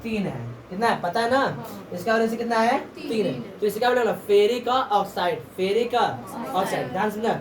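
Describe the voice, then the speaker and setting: A woman's voice: fairly high pitch, lively intonation, fast talker, a crowd in the background. A woman teaching a classroom lesson, asking the class questions and repeating the answers back. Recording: echoey room from far off, faint background noise.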